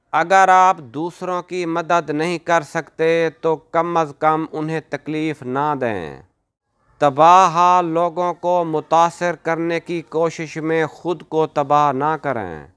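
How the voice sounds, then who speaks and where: A man's voice: on the high side, a bit bright, clear, resonant tone. Resonant man reading motivational maxims. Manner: measured, declarative delivery of short maxims. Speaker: narrator of motivational quotes. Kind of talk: scripted motivational narration.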